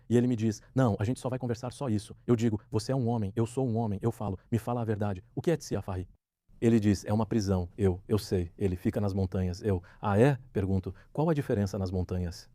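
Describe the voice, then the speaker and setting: A man speaks as an interview guest, telling his personal story in a low, mellow voice. He slips into the lines of the people in the story as he retells them. The sound is close and dry, with no room around it. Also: dry recording. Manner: vivid retelling, acting out quoted dialogue.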